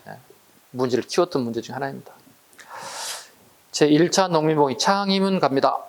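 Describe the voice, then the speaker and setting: A man's voice: a little high, animated, fairly quick. A man teaching an exam-prep history lecture, chatty and full of rhetorical questions to his students.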